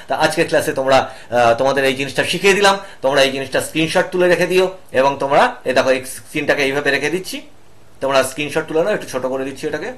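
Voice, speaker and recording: A man's voice: medium pitch, a bit bright. A middle-aged man teaching an online lesson, patiently naming each symbol one by one. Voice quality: patient, explanatory, spells out each symbol slowly.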